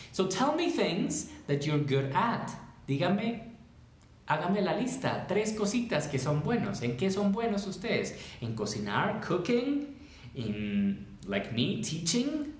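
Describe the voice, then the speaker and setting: Profesor colombiano en una sala con eco. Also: male voice, mid-range voice. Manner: switches between Spanish and English, repeats words slowly to model pronunciation; encouraging, reads viewers' comments aloud. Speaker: English teacher. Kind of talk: live-streamed bilingual lesson. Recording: echoey room.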